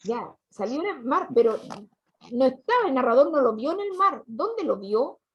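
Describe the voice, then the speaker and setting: A woman's voice: sits high, very animated, normal speed, breathy edge. A woman, teaching a class patiently, asking questions and repeating students' answers. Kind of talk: online class lesson. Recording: dull lo-fi recording.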